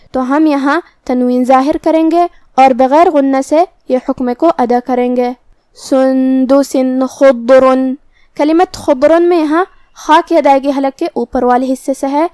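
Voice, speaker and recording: A woman teaching Quran recitation, explaining each letter methodically and then reciting the verses slowly. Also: sits high, a little mellow, no room sound.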